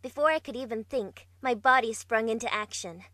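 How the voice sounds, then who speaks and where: A woman with a fairly high, bright voice speaks quickly and forcefully, playing a puzzled young heroine who recounts her own story. The clip is introspective first-person narration from an amateur fandub of a visual novel.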